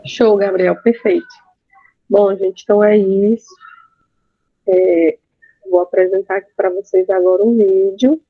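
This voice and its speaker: A woman's voice: mid-range voice, fairly even intonation, measured pace, long pauses. A woman presenting in an online class, a little hesitant while she sets up her screen share. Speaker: student presenter. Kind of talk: casual online class talk. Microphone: video call. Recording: dull lo-fi call audio.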